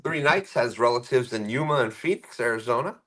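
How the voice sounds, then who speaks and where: A man's voice: medium pitch, fairly quick, a bit bright, a little hiss or hum. A man hosting a live fishing stream, casually greeting viewers and reading their comments aloud with frequent chuckles.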